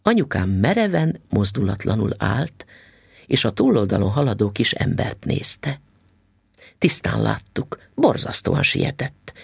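A male audiobook narrator tells the story with a lively, animated lilt. His voice is husky and gravelly. The sound is dry and close to the mic. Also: on the low side, no echo.

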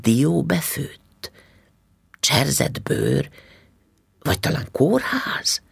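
A man narrating a story as an audiobook reading, in a calm, measured way. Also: a little high, creaky, husky, no echo, studio quality.

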